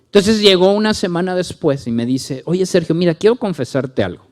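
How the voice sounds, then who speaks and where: A middle-aged male pastor with a Mexican Spanish accent, teaching a Bible study and telling stories with acted-out dialogue. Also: fairly quick. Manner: storytelling, acts out dialogue with lively pitch swings.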